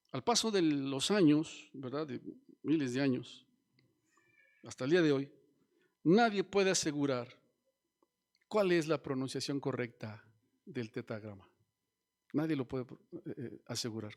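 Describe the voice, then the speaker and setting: A man's voice: a little high, darkish tone. A man preaching a sermon as pastor, teaching and asking the congregation questions. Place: church.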